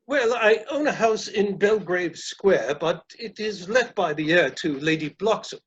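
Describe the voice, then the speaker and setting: A man playing a polite, flustered gentleman suitor in a comic play reading, hesitant, formal and apologetic. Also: high-pitched, lively intonation, a little slow, dull audio, slight background noise. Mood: polite, uneasy.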